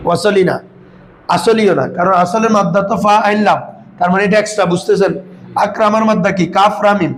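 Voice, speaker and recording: A man's voice: high-pitched, steady tone, fast, a little hiss or hum, rough recording. A man teaching Arabic grammar to a class, often quizzing his students and calling them "baba". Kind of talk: classroom lesson.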